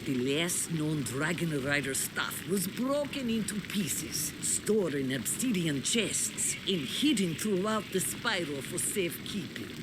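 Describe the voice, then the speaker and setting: Earnest, worried fantasy game mentor: dramatic, very animated delivery, noisy background. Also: male voice, fairly high pitch. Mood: pondering, resolute. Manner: dramatic, deliberate. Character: earnest, worried mentor guiding a young wizard. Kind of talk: video game character acting. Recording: clear background game noise.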